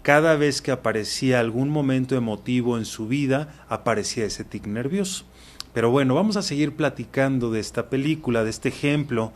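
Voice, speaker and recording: Man, TV host, explanatory monologue, storytelling, frequent fillers, medium-pitched voice. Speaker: TV show host. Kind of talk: explanatory talk-show monologue.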